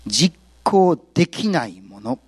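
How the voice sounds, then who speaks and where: Man preaching a sermon, very lively pitch, dry sound. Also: slow, breathy edge, no room sound. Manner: animated storytelling, acts out quotes. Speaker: pastor.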